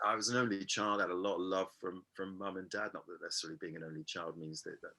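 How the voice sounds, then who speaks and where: Man, 50s, from Hampshire, interview guest, lowish voice, self-deprecating, many fillers. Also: steady tone, fast, pushed and bright. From Hampshire, England. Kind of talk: casual storytelling interview.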